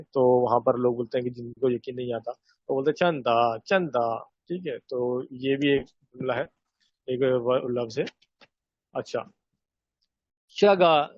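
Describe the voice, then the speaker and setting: A man teaching a recorded Chinese lesson, explaining sentences step by step and repeating Chinese phrases slowly. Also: medium pitch, dry recording. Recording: dull, dry lo-fi recording.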